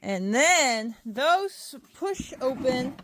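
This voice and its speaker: A woman's voice: high voice, big pitch swings, drawn-out words, fairly bright tone, a little hiss or hum. A woman chatting casually as she repairs an old organ, apologizing and explaining while she works one-handed with a phone. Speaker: antique restorer. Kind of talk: casual hands-on repair vlog. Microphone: phone held in one hand.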